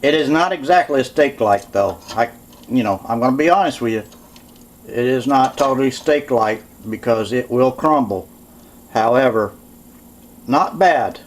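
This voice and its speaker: A man's voice: medium pitch, lively intonation, unhurried, poor audio. A man doing a casual home cooking demonstration in his kitchen, plainspoken and correcting himself as he goes.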